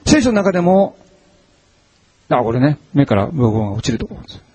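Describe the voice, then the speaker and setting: A man's voice: mid-range voice, normal speed, slightly rough, dry recording. A male pastor giving a conversational sermon, with many fillers and rising emphasis. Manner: conversational, animated preaching with frequent fillers.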